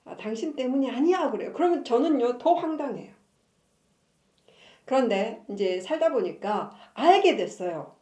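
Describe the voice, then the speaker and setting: A woman with a slightly high, darkish voice hosts a family-counseling channel, talking casually about marriage and reading from her own book. She laughs often between sentences, and the room sounds echoey.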